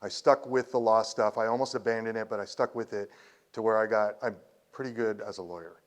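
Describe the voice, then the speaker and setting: A man's voice: fairly low pitch, fairly even intonation, brisk. A man in his fifties giving a conference talk, telling a personal story in a rambling way with restarts, and emotional at times. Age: 50s. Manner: rambling, with restarts and quoted dialogue. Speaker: conference speaker. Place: presentation hall.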